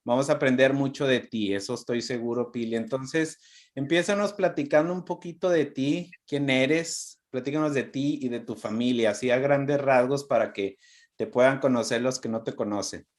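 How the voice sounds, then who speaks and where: A man's voice: mid-range voice, moderate pace. A man from Mexico hosting a live-streamed interview, greeting viewers and prompting his guest in a friendly way. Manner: friendly, warm welcomes, restarts often. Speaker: interview host.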